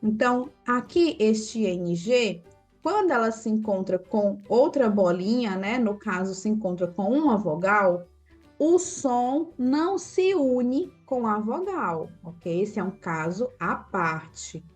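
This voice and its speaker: A woman's voice: mid-range voice, animated, darkish tone, faint music behind. A woman teaching a language lesson from slides, patiently asking learners questions and drawing out example sounds. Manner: patient, asks learners questions and answers them; draws out example syllables slowly.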